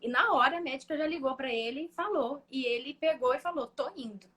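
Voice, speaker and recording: A young woman, a guest in a live chat, telling a painful personal story in a halting, emotional way. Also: high voice, a bit bright. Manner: emotional, halting, full of fillers and restarts.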